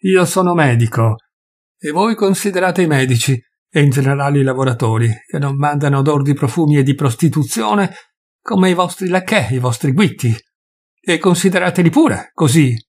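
A man voicing a furious, grieving male doctor who shouts and hammers out each word, with a husky voice. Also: fairly high pitch, expressive, moderate pace.

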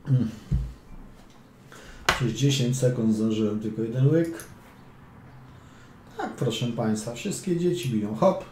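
A chess coach with a mid-range male voice talks through a game slowly, leaving long pauses. He is chatty and playful, making quips and muttering to himself in casual commentary, recorded with roomy echo and a faint background hum.

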